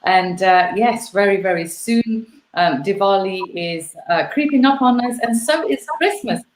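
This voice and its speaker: A woman's voice: medium pitch, expressive, a little slow. Woman hosting a live chat over a video call, lots of ums, room echoes a bit. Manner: chatty, with many fillers. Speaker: talk show host. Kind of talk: live online interview chat.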